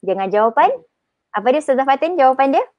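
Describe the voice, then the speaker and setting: A woman with a Malaysian Malay accent teaching Arabic pronunciation in a live online lesson, chatty, drawing example words out slowly. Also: high voice, sing-song, no room sound, lo-fi sound.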